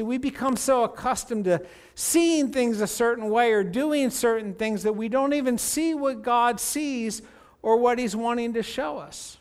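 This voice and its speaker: A man preaching a sermon, deliberate, with rising emphatic peaks and quiet drops. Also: extremely high pitch, clean tone. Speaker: pastor.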